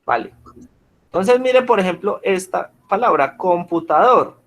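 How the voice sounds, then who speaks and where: Male teacher, slightly high voice, patient and questioning, heard over a video call. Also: animated, measured pace, a bit bright. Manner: patient, checks in with frequent questions. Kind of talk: online class lesson.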